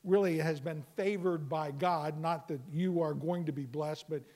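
A man with a notably high voice leads a verse-by-verse Bible teaching. He explains each point patiently and circles back to repeat key phrases. Now and then he bursts into loud exclamations. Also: steady tone, normal speed.

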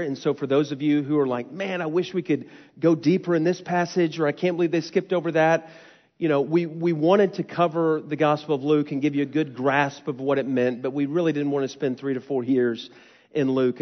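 In a church hall, a young male pastor delivers a sermon in a medium-pitched voice made stuffy and nasal by a lingering cold. He addresses the congregation earnestly yet casually. The sound is slightly muffled, with long reverb trailing through the hall.

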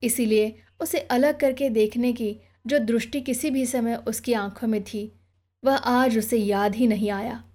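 A woman reads a novel aloud as an audiobook narrator. Her storytelling is steady and measured, and her voice sits fairly high.

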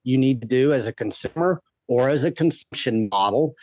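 A man of medium pitch talks as a podcast guest. His delivery is impassioned, blunt and emphatic, and the sound is very dry, with no room echo. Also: lively intonation, a little fast, a little mellow. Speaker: podcast guest, food activist. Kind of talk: impassioned interview talk.

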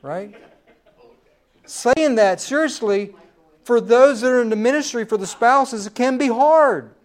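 High-voiced middle-aged man preaching. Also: a little slow. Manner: folksy storytelling with personal asides. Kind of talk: sermon.

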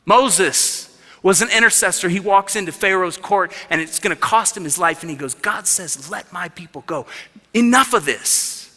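A man in his thirties preaching a sermon as pastor, passionate, dropping to a hush and then rising loud. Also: high-pitched, moderate pace. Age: 30s. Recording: reverberant hall.

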